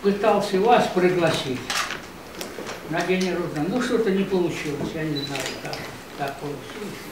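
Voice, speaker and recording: A man in his nineties at an official reception, speaking in a hesitant, halting way as he searches for words. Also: a little high, recorded from a distance. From Russia. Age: 90s. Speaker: veteran visitor at a reception. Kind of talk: formal reception conversation. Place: office reception room, indoors. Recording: echoey office room from afar, noisy.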